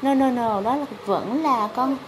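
High voiced mom w southern vietnamese accent reading to her toddler, asking little questions, encouraging, bit of room noise on a phone vid. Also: measured pace. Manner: encouraging, prompting with questions and confirmations. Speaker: mother. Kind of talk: reading an animal picture book to a toddler, quizzing. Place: hard-tiled room at home. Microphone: handheld phone camera. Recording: noisy handheld home phone video.

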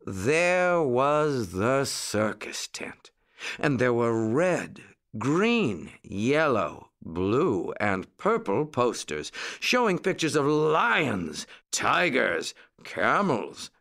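Male storyteller, children's tale, expressive, dramatic pauses, animated melodic voice. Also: medium pitch.

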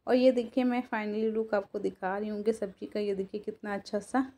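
A woman hosting a cooking channel, calmly explaining each step of a home recipe to viewers as she cooks. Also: medium pitch, fairly quick. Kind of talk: casual cooking voice-over. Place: home kitchen.

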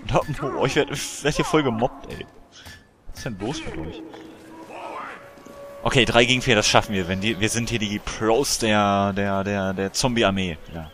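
A man giving casual let's play commentary, excitable and chatty as he banters with other players. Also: fairly low pitch, normal speed, hardly any pauses.

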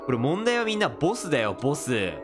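A man with a hosting a solo let's-play, excitable and reacting loudly to the game. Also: fairly high pitch, fairly quick, over music. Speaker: gaming video host.

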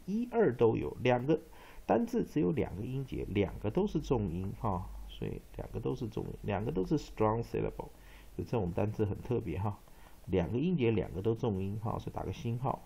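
A man teaching English pronunciation, repeating example words slowly and emphatically and dropping short filler particles between phrases. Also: mid-range voice, gravelly, dark tone, breathy edge. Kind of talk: pronunciation lesson.

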